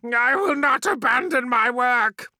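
A proud but cornered sorcerer, as a man puts him on, stammers and pleads. His voice is pitched well above the narrator's own and sounds strained and thinner in tone. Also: lively intonation, takes it slowly, dry recording, full character voice. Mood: defiant shout. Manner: stammering, pleading, then defiant shouts.

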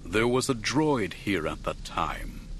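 A man reading an audiobook voices a cold, menacing aristocratic count who speaks mildly and slowly. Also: fairly low pitch, big pitch swings, slight background noise. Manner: mild, slow, menacing.

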